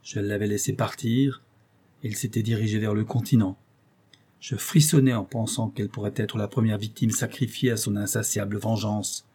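A man narrating a first-person literary audiobook in a measured, solemn way. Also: lowish voice, little pitch movement, mellow, slightly rough.

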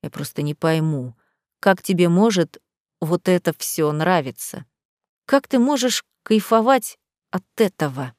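A woman voicing an angry young groom who talks in harsh, low, menacing tones in an audiobook. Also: animated, measured pace, a little mellow, no echo, studio quality. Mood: bitter. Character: angry young man, bitter and contemptuous groom.

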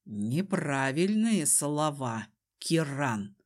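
A woman voicing a powerful man who threatens calmly and mockingly, in a slow, dropped voice. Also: deep voice, pitched below the performer's own voice, exaggerated voice. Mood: menacing. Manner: slow, calm, mocking menace.

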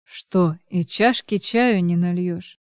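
A woman reading the lines of a broke, sullen divorced man who pleads with his ex-wife, in a smooth voice. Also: lowish voice, takes it slowly, a little mellow, no echo, clean studio sound. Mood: sullen, pleading.

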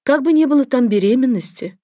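Audiobook: a woman doing a quiet, embarrassed mother who works as a doctor; close to the reader's own voice. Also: high-pitched, expressive, brisk, no room sound, pitched above the performer's own voice. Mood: subdued. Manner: quiet, somewhat shamefaced.

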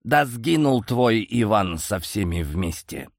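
Raspy old grump snarling slow and low, man putting it on, dry sound. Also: sing-song, dry recording, heavily acted. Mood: spiteful. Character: spiteful sick old man, hostile uncle.

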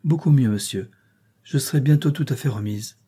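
A frail young governess answers in a quiet, restrained way, as a male reader voices her. The tone is dark and warm, with a husky breath to it. She keeps her words short and careful. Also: mid-range voice, moderate pace. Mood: subdued. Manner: subdued, restrained.

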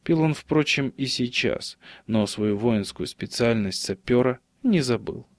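A man reading an audiobook in a steady, even narration. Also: medium pitch, a little slow, no room sound, studio quality.

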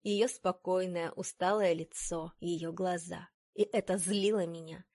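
A woman reading a first-person story aloud in a dramatic, expressive way. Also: on the low side, unhurried, no echo, clean studio sound. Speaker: audiobook narrator.

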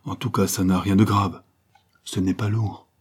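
A man's voice: deep voice, flat delivery, a little slow, breathy edge. A man voicing a sturdy male servant who talks in terse, muttered lines in an audiobook.

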